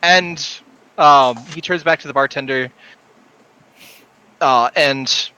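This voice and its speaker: A man's voice: mid-range voice, steady tone, slow pace, pushed and bright, clean tone, highs cut off. A man narrating a tabletop game as game master, laid-back and chatty, laughing often.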